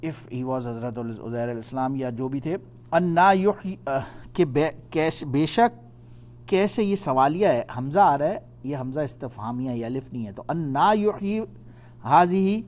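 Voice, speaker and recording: A man's voice: medium pitch, a little mellow. Patient man teaching a Quran class. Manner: patient, explanatory, recites verses slowly. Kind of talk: Quran study class explanation.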